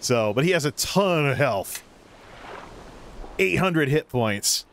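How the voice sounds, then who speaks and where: A man's voice: a little high, lively intonation, slow, fairly bright tone, slight background noise. A man giving casual gameplay commentary, rambling and thinking aloud as a video creator.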